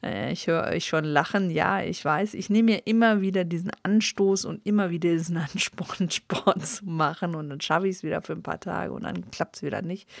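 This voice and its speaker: A woman's voice: on the low side, gravelly, no room sound, studio quality. Chatty woman with a Ruhr accent. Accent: Ruhr German. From Ruhr area, Germany. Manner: chatty, filler "ja" after many sentences. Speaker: business coach. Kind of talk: casual motivational talk to camera.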